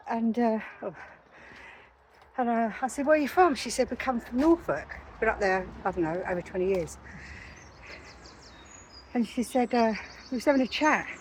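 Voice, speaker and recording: A woman's voice: a little high, moderate pace, long pauses, slight background noise. Chatty middle-aged woman outdoors. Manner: chatty storyteller, retells conversations. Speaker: self-help author. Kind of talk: casual walking vlog. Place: outdoors on a street.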